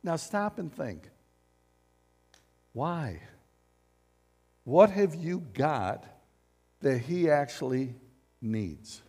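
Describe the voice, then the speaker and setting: A man preaching a sermon as pastor, animated and acting out quotes as he speaks. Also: on the high side, extremely slow, long pauses, slightly rough, big-room sound. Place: church sanctuary.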